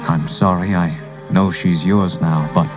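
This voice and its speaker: An actor playing a decisive, authoritative starship admiral in an audio storybook adventure. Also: male voice, deep voice, steady tone, measured pace. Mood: earnest. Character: commanding, warm-hearted male starship admiral. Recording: cassette transfer with music underneath.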